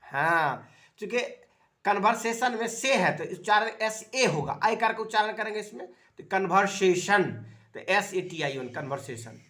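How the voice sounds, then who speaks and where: Here a man with a high, pushed, bright voice and lively intonation walks a child through a spelling lesson at home. He coaxes gently, repeats prompts, and his explanations come out halting and full of fillers.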